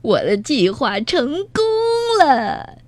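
Storybook weasel bandit boss, read by a woman: gloating, sneering, slightly high. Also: sing-song, takes it slowly, no echo. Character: scheming male weasel bandit chief.

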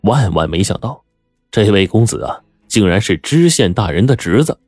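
A male storyteller with a deep voice tells a folk tale in a lively, colloquial way. The sound is dry and close, with faint music in the background. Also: moderate pace, no room sound. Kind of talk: scripted narration.

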